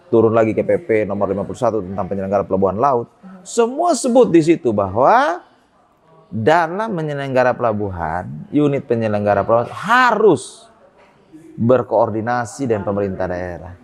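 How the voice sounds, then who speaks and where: This port business guest answers interview questions with plenty of hesitation. Whenever he drives home a point, his pitch climbs and he turns emphatic.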